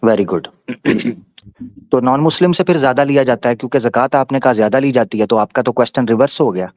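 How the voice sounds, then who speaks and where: A man hosting a debate, teasing and pressing his questioner, then slowing down to explain point by point. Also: mid-range voice, darkish tone, no echo. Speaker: debate host answering a questioner. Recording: dull dry lo-fi sound.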